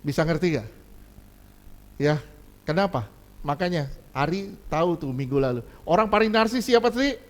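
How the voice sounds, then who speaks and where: A male pastor preaching a sermon in a lively, casual way, swinging between loud emphatic bursts and quiet asides. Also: fairly high pitch, moderate pace, long pauses. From Indonesia.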